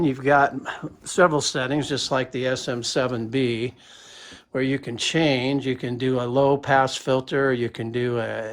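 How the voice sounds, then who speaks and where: A gear reviewer with a mid-range voice casually demonstrates a microphone, speaking plainly and counting off mic checks. The sound is reverberant and recorded from a distance.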